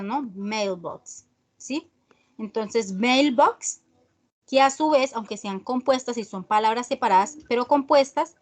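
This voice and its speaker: Slow, higher-pitched woman teacher. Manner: explains slowly, checks in with "¿sí?" and "¿cierto?"; reads English definitions from slides. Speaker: English teacher. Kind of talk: online class lecture.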